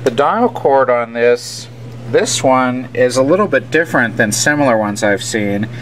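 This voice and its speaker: A radio repairer works at an indoor bench, explaining his hands-on repair casually and matter-of-factly without a script. His voice is medium-pitched and a little slow. The recording is rough, with a steady hum and room noise.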